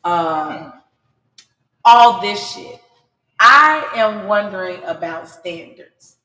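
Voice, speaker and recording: A woman's voice: medium pitch, lively intonation, extremely slow, sharp tone. A woman in her forties hosting a podcast, chatty and asking her guests questions. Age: 40s. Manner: chatty, laughing, asks questions. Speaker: podcast host. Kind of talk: casual chat. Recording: roomy echo.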